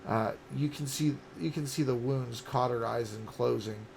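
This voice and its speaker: A man in his late thirties narrating as dungeon master, halting with fillers and restarts. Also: medium pitch, gravelly, a little hiss or hum. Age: late 30s. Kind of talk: narrating a tabletop game.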